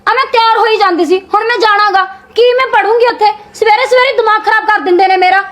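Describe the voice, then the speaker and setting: This Punjabi short-film role has a young woman as a sharp-tongued, vain, spoiled college daughter, retorting to her sister-in-law and begging Dad for money. She speaks fast in a very high-pitched, fairly bright voice, snappy throughout.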